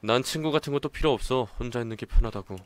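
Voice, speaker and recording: A man voicing a cold, scornful young man in a horror game who treats people as tools, speaking in a flat, dismissive way. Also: mid-range voice, racing, close to an everyday voice.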